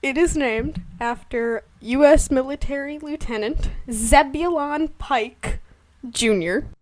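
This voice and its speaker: A woman's voice: sits high, slow, rough recording. Upbeat, playful woman podcast co-host. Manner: playful, laughs often, tells history facts in an upbeat way. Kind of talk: casual history podcast chat.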